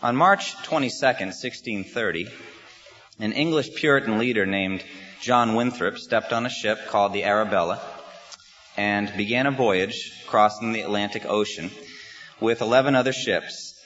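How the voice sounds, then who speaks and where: A pastor from the United States preaching a sermon in a church sanctuary, speaking at a pulpit microphone in an earnest, measured way with frequent "uh" pauses. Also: male voice, fairly low pitch, a bit bright. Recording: slightly muffled sermon recording.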